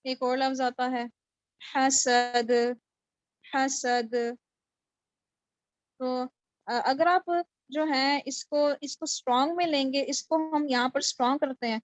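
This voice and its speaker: High-voiced woman teaching recitation. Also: steady tone, no echo. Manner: explains patiently, checks understanding, demonstrates recitation. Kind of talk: online tajweed lesson. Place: home, on a video call. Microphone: video call mic.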